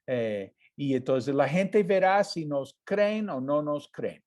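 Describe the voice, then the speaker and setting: A man's voice: lively intonation, takes it slowly. A man preaching a conversational sermon, often asking the congregation questions and acting out quoted voices. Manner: acts out mocking quoted voices, high and shouted.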